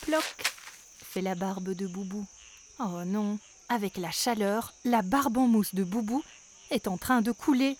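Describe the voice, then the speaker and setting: Expressive woman narrating a children's story. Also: medium pitch, unhurried, slight background noise. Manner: lively, expressive.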